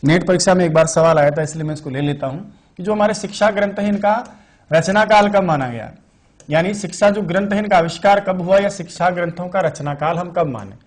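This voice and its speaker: A man's voice: sits high, fairly quick. A man teaching Sanskrit grammar in an online exam-prep lecture. He asks questions and answers them himself, and repeats the key terms.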